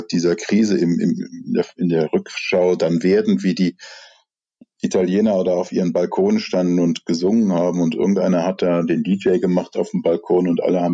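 A man from the Rhineland working as an executive coach, speaking in a measured, reflective and candid way in an interview over a video call. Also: deep voice, mellow, husky, highs cut off. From Rhineland, Germany.

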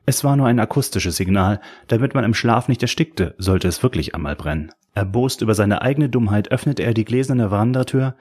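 A man narrating an audiobook in a wry, measured storytelling manner. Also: fairly low pitch, a little mellow, breathy edge.

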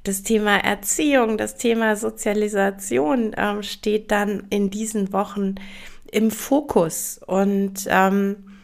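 Slow, gravelly-voiced woman podcaster. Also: mid-range voice, fairly even intonation. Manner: hesitant, many filler sounds, gentle and reassuring. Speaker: podcast host. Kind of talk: casual explanatory podcast monologue.

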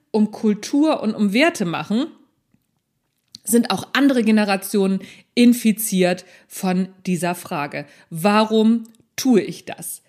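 A woman hosting her own podcast, reading parts of a prepared text and breaking off into chatty, joking asides, with lively stress and changing pace. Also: on the high side. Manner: lively, stresses key words, shifts pace often. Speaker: podcast host. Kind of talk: solo podcast talk, half read, half ad-libbed.

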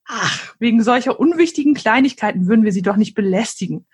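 A woman voicing an agitated male museum director who talks in a hurried, excited way. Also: on the high side, husky.

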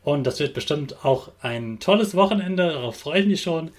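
A man's voice: a little high, normal speed. Upbeat teacher man talking to kids. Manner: lively, encouraging, speaks straight to the listener. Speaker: teacher and children's podcast host. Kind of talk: upbeat talk addressed to children.

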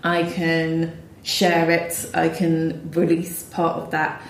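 A woman composer speaks in a low-ish voice, thinking aloud with frequent ums and restarts. Her voice carries a roomy echo, and a faint hiss sits underneath. She is talking in a reflective conversation. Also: completely flat delivery, takes it slowly.

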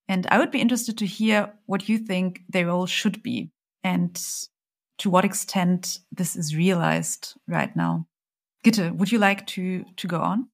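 A woman with a fairly low voice moderates a panel discussion. She talks briskly and in a friendly way.

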